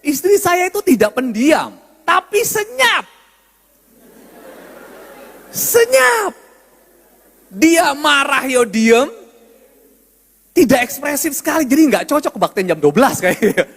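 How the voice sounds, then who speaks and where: A man preaching a humorous, animated sermon as pastor, with a loud, joking delivery. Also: very high voice, moderate pace. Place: church sanctuary. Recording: reverberant church hall.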